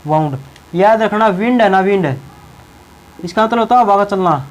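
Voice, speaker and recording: Young male teacher with a high voice who repeats key words and keeps checking in with the class. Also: normal speed, low-quality recording. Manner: repeats words and tags lines with a check-in phrase. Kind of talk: classroom lesson explaining English verbs in Hindi.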